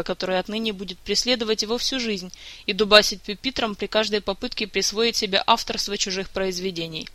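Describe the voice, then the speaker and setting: A lively, theatrical audiobook narration delivered in a bright, crisp voice. It is recorded close and dry, with no room sound. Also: medium pitch, no room sound.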